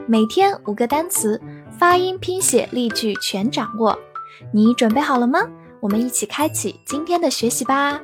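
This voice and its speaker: A woman's voice: a little high, no echo. Patient female English teacher, dry close sound. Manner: clear, patient, spells out words and reads slowly. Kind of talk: vocabulary lesson.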